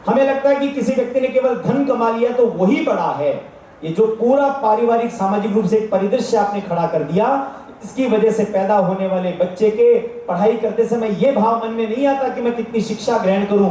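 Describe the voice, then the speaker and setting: A man's voice: sits high, mellow, a little hiss or hum. A man with a Rajasthani accent giving an earnest religious discourse to a gathering, exhorting his listeners. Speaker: spiritual speaker. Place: large gathering space. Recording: echoey from far off.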